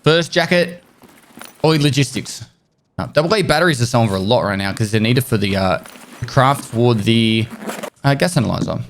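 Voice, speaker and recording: A man's voice: mid-range voice, animated, moderate pace. A man giving casual gameplay commentary as a streamer, explaining tips and swearing now and then. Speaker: gaming streamer. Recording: loud game noise under voice.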